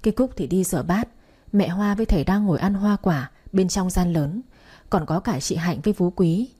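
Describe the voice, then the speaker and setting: A woman narrating a dramatic family story in first person, steady and soft-spoken. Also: lowish voice, moderate pace, breathy edge.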